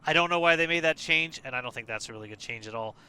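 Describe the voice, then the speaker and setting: A tired man casually walking through a game update, relaxed and hesitant, with many fillers and restarts. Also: medium pitch, rapid-fire, clear, resonant tone. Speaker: gaming video creator. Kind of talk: casual gameplay walkthrough.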